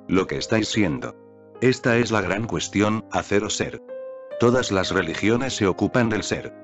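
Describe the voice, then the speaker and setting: A man reading a spiritual text aloud in a calm, measured voice-over. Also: lowish voice. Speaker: narrator. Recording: dull lo-fi voice-over with faint music.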